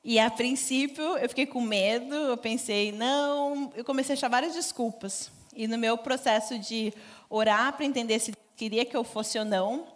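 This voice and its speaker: A woman's voice: fairly high pitch, steady tone, moderate pace. A woman giving a conversational church mission talk, informal and laughing often. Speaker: missionary speaker. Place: church stage.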